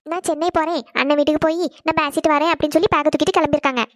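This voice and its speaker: A woman voicing an anxious young wife in a cartoon who speaks quickly. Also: high voice, steady tone, dry recording, studio quality, lightly acted. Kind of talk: cartoon voice acting.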